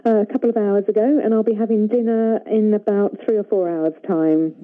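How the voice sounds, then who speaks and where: A woman's voice: medium pitch, fairly even intonation. A British woman, a nutritionist, speaking assuredly as a guest on a radio phone-in. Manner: brisk, assured, plain-spoken. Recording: tinny phone line.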